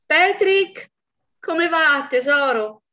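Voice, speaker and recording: A woman voicing a young wife who feigns shocked grief, talking in a high, breathless, pleading rush. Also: expressive, moderate pace, a bit bright. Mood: cheerful. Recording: dull lo-fi recording.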